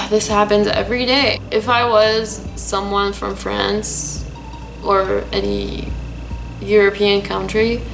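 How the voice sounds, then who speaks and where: A young woman from Lebanon tells a personal story at an unhurried, careful pace, her voice catching in a gravelly fry at the ends of phrases. She talks earnestly and thoughtfully, stopping often to find her words. Clear music plays behind her. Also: mid-range voice, little pitch movement, rough recording. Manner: earnest, thoughtful, with hesitant fillers. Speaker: vlogger.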